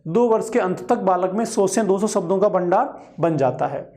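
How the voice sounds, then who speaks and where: A man's voice: sits high, lively intonation, moderate pace, dark tone. A male teacher giving an exam-prep lecture, explaining each point and repeating it with everyday examples.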